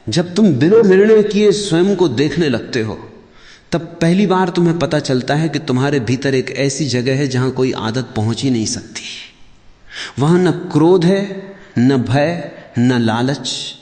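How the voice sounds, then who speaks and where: A man giving a scripted spiritual discourse, measured and contemplative, speaking straight to the listener. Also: mid-range voice, dark tone. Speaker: spiritual narrator. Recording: long reverb.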